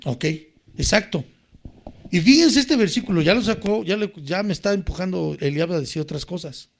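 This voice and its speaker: High-voiced preacher, animated. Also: male voice, moderate pace, vocal fry. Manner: animated, rises to shouting when quoting cries. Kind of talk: sermon.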